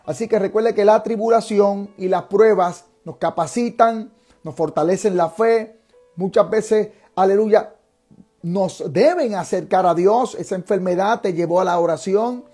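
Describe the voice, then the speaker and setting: Man, high voice, mellow dark tone, fervent preacher host, frequent praise exclamations, faint music behind. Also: unhurried. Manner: fervent, sprinkled with "gloria al Señor" and "aleluya". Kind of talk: preaching, then live online interview.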